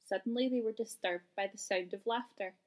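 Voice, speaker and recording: This is a storybook reader, a woman whose medium-pitched voice carries a children's tale in a careful, expressive way.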